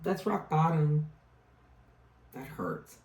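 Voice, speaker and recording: A woman's voice: sits low, animated, takes it slowly, darkish tone. A woman giving a casual tarot reading, rambling and often trailing off to restart her thought. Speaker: tarot reader. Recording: echoey room, distant mic.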